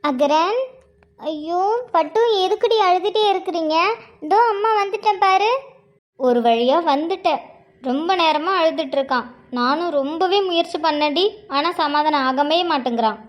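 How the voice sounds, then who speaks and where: Cartoon: woman voicing a fond, easily riled young mum, very high-pitched. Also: moderate pace, natural voice. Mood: coaxing. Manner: coaxing with the baby, sharp retorts to teasing. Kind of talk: cartoon voice acting.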